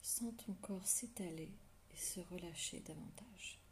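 A woman with a lowish voice whispers softly and intimately in your ear, leading a guided relaxation with slow, gentle instructions. Long pauses separate each one.

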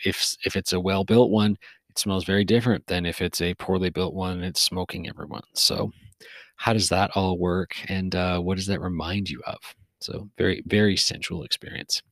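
A man hosts a podcast on his own outdoors near a forest, chatting casually and rambling loosely with lots of fillers and restarts, sounding a little tired. His voice is deep and a bit bright, and the recording is dry.

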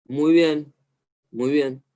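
A man's voice: on the high side, steady tone, extremely slow, dark tone. A middle-aged man with an Argentine accent teaches a class over a video call. He is a psychologist who tells stories with animation and keeps asking his listeners questions. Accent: Argentine Spanish. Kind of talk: online lecture to a class.

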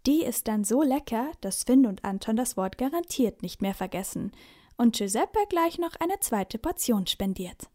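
A woman narrating a children's bedtime story in a clear storytelling manner. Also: on the high side, animated, moderate pace, mellow.

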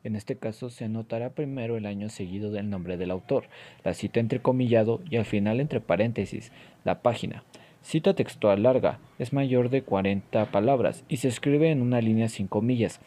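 A man's voice: on the low side, warm tone. A man delivering scripted educational narration as an explainer, in a playfully formal, instructional manner.

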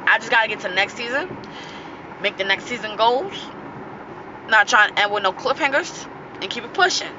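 A woman's voice: fairly high pitch, fairly quick. A woman hosting her own podcast, talking casually and with slang, laughing here and there as she gives a motivational talk. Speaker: podcast host. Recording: muffled audio with clear traffic noise.

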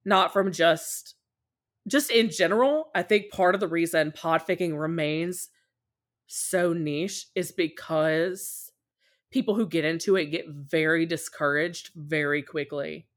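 Unhurried and lowish in pitch, a woman who creates podfics chats as a guest on a podcast. Her talk is long, casual, and candid, and she's talkative, often acting out little quotes as she goes.

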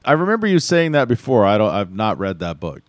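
A man's voice: fairly low pitch, sing-song, brisk, dry recording, clean studio sound. An American man talking casually as the host of a podcast.

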